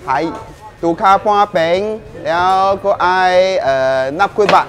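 A middle-aged man hosting a casual cooking show, chatty and excitable, switching between English and Mandarin, recorded on a lapel mic at a market and in his home kitchen. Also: sits high, fast.

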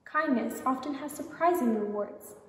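A woman reads a children's picture book aloud at a library storytime, pausing to ask the children gentle questions. Her voice is fairly high. It echoes around a large room from far off the mic. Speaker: storytime reader. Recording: echoey hall, distant mic.

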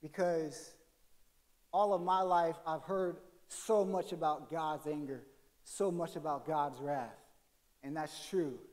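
A male pastor preaching a conversational sermon, swinging from loud to hushed. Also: on the high side, takes it slowly.

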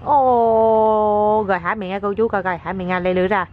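A woman's voice: lowish voice, level tone, very fast, phone-quality sound. A woman filming her toddler on a boat, cooing and teasing the child in a mix of Vietnamese and English. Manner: coos and teases a crying toddler, mixing Vietnamese and English. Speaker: mother filming her baby. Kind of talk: casual family vlog chat. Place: outdoors on a boat. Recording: loud outdoor noise, handheld camera.

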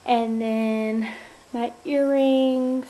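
A woman's voice: a little high, steady tone, extremely slow, mellow. Chatty young woman vlogging. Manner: chatty, filler-heavy, sweet. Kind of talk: casual vlog chat to camera.

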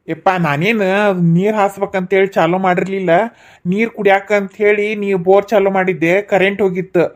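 A man with a North Karnataka Kannada accent, voicing a village cartoon with scolding and grumbling farm talk. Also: sits high. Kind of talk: cartoon voice acting, village comedy.

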